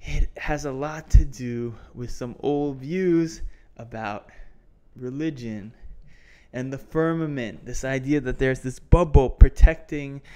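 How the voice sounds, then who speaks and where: A man's voice: medium pitch, slow pace, a little mellow, clean tone, pitched below the performer's own voice, close to an everyday voice. A man putting on an indignant, taunting wrestler, delivering a science lecture as a theatrical, confrontational wrestling promo. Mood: scornful. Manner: theatrical, emphatic, confrontational, with slangy rhetorical questions. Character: indignant, taunting male wrestler cutting a promo against flat earthers. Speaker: geography teacher.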